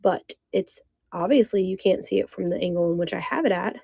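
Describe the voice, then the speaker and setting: A woman with a crackly, hoarse voice chatting informally as she hosts a casual live sale, often repeating her phrases. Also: fairly low pitch, a little fast, warm tone, no echo, clean studio sound. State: hoarse, with inflamed vocal cords and throat clearing. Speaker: live-sale host selling vintage glassware. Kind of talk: casual live selling chat to viewers.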